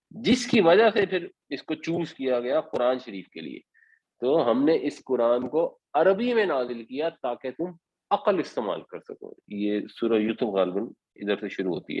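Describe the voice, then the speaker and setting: A man teaches a Quran commentary class, reciting each Arabic verse before explaining it at a patient, measured pace. His voice is husky and of middle pitch. The recording sounds dull and lo-fi.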